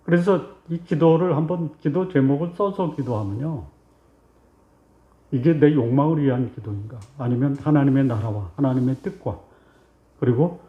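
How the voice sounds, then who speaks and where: A man's voice: mid-range voice, normal speed. A male pastor giving a Sunday sermon. He asks the congregation questions and answers them himself, and he acts out short exchanges between God and a believer. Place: church sanctuary. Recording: roomy, slightly dull church recording.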